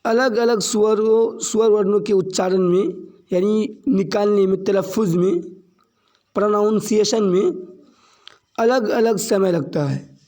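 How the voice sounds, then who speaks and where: A man teaching a grammar lesson slowly and deliberately, repeating each point and asking questions that he answers himself. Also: high voice, darkish tone. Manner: slow and deliberate, stressing key terms.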